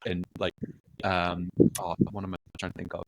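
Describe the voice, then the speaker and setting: Low-voiced man chatting casually. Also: moderate pace, vocal fry, noisy background. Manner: relaxed, rambling, lots of fillers. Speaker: podcast guest. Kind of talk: casual podcast chat.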